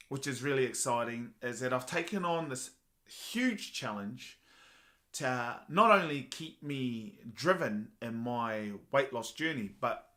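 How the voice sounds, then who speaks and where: A man's voice: medium pitch, sharp tone. A man with a Māori New Zealand accent talking earnestly and motivationally to viewers in a personal vlog. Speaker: vlogger.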